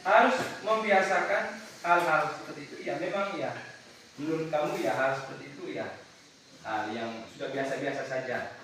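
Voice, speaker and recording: A man teaches a class, pitched high and full of restarts and "ya" tags. He keeps asking the pupils questions and repeats his points. The recording is echoey and distant, with noise behind him. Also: normal speed, fairly bright tone. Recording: echoey, from far off, noisy.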